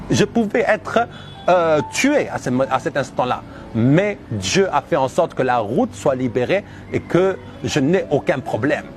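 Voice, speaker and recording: With a fairly high pitch, a man in his thirties from Algeria recounts his religious testimony. His delivery is earnest and forceful, built on deliberately repeated phrases.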